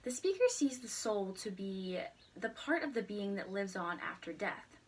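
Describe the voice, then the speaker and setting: A woman's voice: mid-range voice, very animated, normal speed, breathy edge. A woman giving a prepared explanatory presentation in a formal, earnest manner. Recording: distant microphone.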